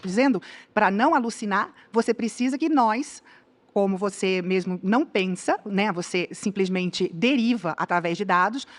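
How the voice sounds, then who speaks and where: A woman's voice: mid-range voice, expressive, moderate pace. Formal woman in her fifties, technical. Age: 50s. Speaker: public policy specialist and auditor. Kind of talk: formal debate statement.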